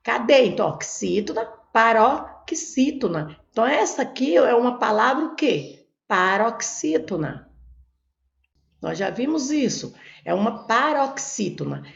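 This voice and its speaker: A woman with a Brazilian Portuguese accent teaches Portuguese grammar for an exam, explaining step by step on a board and answering her own questions. Her fairly high voice is sing-song, a little slow, with vocal fry. The reverberant recording is dull and lo-fi.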